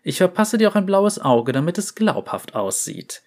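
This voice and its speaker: A man's voice: sits high, sing-song, moderate pace, a little mellow, voice pushed up, full character voice. A man voicing a brash, violent female enforcer who taunts and threatens in a mocking, cocky way. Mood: taunting. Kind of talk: dramatic story reading.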